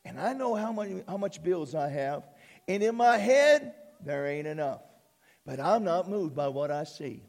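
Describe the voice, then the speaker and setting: A man preaching a sermon as pastor, exclaiming hallelujahs, calling on the congregation to answer and swelling into shouts. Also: sits high, big-room sound. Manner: asks the congregation to respond.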